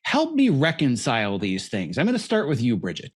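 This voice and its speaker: A man hosting an interview podcast, giving an effusive, lively introduction of his guests. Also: medium pitch, fairly quick. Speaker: podcast host.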